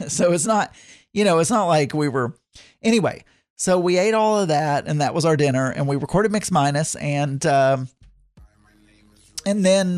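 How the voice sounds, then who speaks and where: With a fairly high, somewhat dark voice, a Southern man hosting a podcast rambles casually through his weekend, full of fillers and self-corrections. The recording is clean studio sound with no echo.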